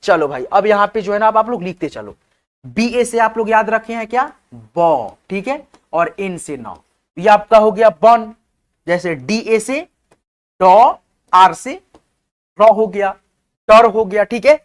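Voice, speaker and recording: A man's voice: high-pitched, expressive, takes it slowly, long pauses. A male teacher explaining spelling step by step to his viewers, often repeating himself and checking that they follow. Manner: repetitive, addresses viewers as friends, checks in often. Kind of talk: online class explanation.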